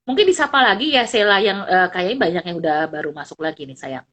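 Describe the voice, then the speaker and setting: A woman's voice: mid-range voice, fast talker. A middle-aged woman, a psychology lecturer, giving a chatty online class talk, full of tag questions. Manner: lively, chatty, ends phrases with tag questions.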